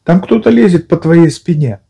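A man voicing a tiny, timid piglet with a thin, squeaky voice in an audiobook. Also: lively intonation, normal speed, vocal fry, warm tone, husky, heavily acted. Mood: squeaky, alarmed. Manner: anxious, calling for help. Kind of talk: audiobook character voice.

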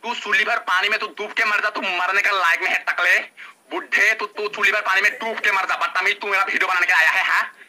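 Man, live-stream feud, high tense voice, relentless repetitive rant. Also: steady tone, fairly quick, bright, forceful tone, a little hiss or hum. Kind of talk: heated online argument.

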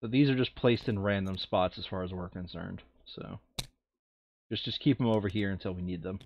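Low-pitched and fairly quick, this man plays a tabletop game over the internet, mixing easygoing chat with reading game text aloud. The audio sounds dull.

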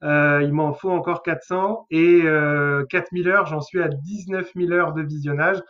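A man's voice: fairly high pitch, steady tone, normal speed, muffled recording. A man, a therapist hosting a live webinar, talking casually with many hesitations. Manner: chatty, hesitant with many fillers.

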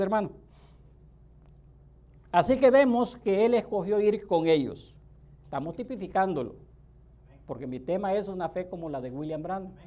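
Male preacher, sermon delivery, mellow tone, emphatic, swings between soft asides and loud bursts. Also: high voice. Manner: emphatic, keeps calling out to the listeners.

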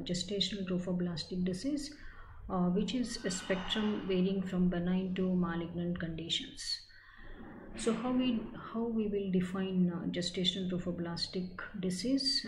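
A middle-aged woman giving an online medical lecture, explaining in measured phrases as a professor. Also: lowish voice. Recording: echoey room with clear background noise.

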